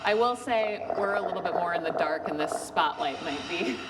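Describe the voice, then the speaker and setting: A woman's voice: fairly low pitch, normal speed. A woman presenter hosting a live question session for aquarium visitors. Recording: distant voice, loud background noise.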